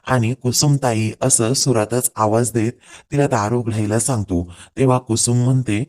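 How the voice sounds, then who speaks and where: A man narrating a plot recap, retelling the scenes in a steady storytelling flow. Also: medium pitch, moderate pace.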